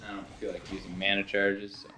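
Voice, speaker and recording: A man's voice: low voice, monotone, fast, sharp tone, a little hiss or hum. A young man rambling through casual let's-play commentary, swearing when frustrated, his voice getting worn from talking. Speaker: gaming video host.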